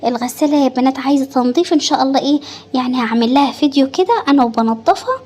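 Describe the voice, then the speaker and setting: A woman's voice: high voice, racing, warm tone, slightly rough. A woman with an Egyptian Arabic accent, chatting casually and confidingly to her women viewers in a home vlog voice-over. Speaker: home vlogger.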